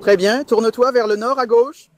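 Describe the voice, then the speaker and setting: A man's voice: extremely high pitch, fairly even intonation, normal speed, slight background noise. A man as a police officer, dubbing bodycam dialogue, giving firm commanding instructions.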